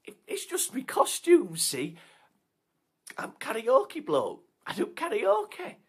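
Brief: man doing a high, flustered karaoke guy, stammering and pleading. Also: wildly swooping pitch, slow, slightly rough, heavily acted. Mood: anxious. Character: nervous, flustered young male karaoke host.

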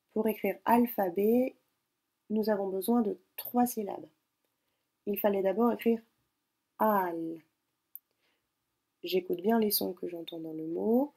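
A woman teacher recording a spelling dictation lesson at home, speaking slowly and spelling words out syllable by syllable. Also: mid-range voice, mellow, husky. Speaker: primary school teacher.

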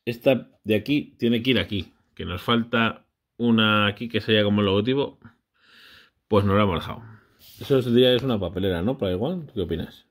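A man's voice: lowish voice, fairly quick. A man, casually vlogging a brick build with his child, chatty and often unsure as he corrects himself.

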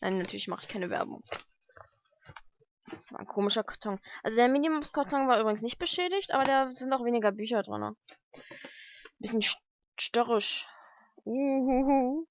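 With a slightly high voice at a moderate pace, a young woman leaves long pauses as she casually unboxes mail-order books and thinks aloud. She's in a lived-in room at home, and the dull lo-fi recording has a little hiss or hum.

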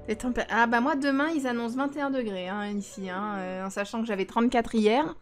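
A woman's voice: fairly high pitch, a little fast, faint music behind. A woman streaming a life-sim game, chatting casually and teasing her viewers. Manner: chatty, teasing, talks back to chat.

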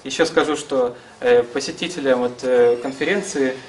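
Man, thirties, informal lecture, halting explanations, middle pitch, distant camera mic. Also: darkish tone. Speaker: lecturer, seminar organizer. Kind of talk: informal lecture with question answers. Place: small classroom-like seminar room, indoors. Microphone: camera some metres away. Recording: distant camera mic, faint room noise.

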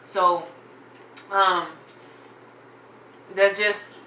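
A woman's voice: medium pitch, fairly even intonation, drawn-out words, sharp tone, a little hiss or hum. A woman chatting casually in a snack unboxing vlog, full of "like" and "y'all" fillers. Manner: chatty, filler-heavy, says "like" and "y'all" often. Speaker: vlogger reviewing snacks. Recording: echoey room, off-mic.

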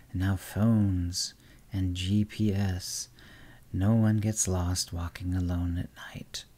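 A man's voice: low voice, darkish tone. A man voicing an ancient, hateful will-o'-the-wisp spirit in a weary, scornful hissing whisper, as a storybook reading.

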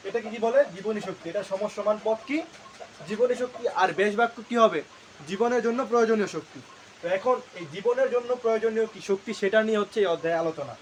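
A man with a high voice teaching a lesson at a board. He keeps putting questions to the class and answering them himself, and he repeats each key term so it sticks. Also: a little hiss or hum. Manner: asks and answers his own questions. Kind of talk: classroom lecture.

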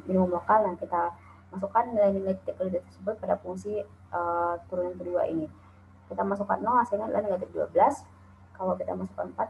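A woman from Indonesia explains calculus step by step in a recorded lecture over slides, using "eh" and "nah" a lot. She has a creaky, medium-pitched voice, and the lo-fi, tinny, phone-like recording has a bit of hiss or hum.

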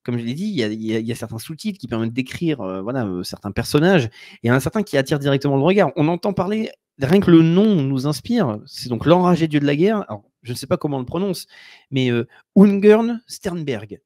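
A man's voice: medium pitch, lively intonation, quick pace, a little mellow, dry recording, clean studio sound. A man hosting a live-streamed talk show, rambling and promotional as he plugs a book and introduces his guest. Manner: rambling, promotional, filler-heavy. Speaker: host.

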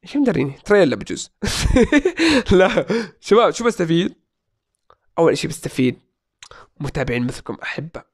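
A man's voice: fairly high pitch, very animated, a little fast, pauses often, husky. A man in his twenties in a small room, reading viewer questions aloud and answering them in a playful, joking way. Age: 20s. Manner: joking, playful, reads out comments. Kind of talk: casual Q&A vlog. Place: small indoor room at a desk.

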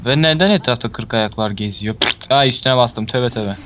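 A man's voice: mid-range voice, moderate pace, dull audio, slight background noise. Dry, blunt young male gamer. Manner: dry, blunt, swears and jokes flatly. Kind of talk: casual gameplay chat.

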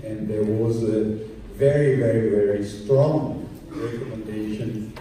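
A man moderating a conference and introducing the next speaker, halting often on uh. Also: fairly low pitch, steady tone, warm tone, a little hiss or hum. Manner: halting, with many uh fillers. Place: large conference hall. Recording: echoey hall from far off.

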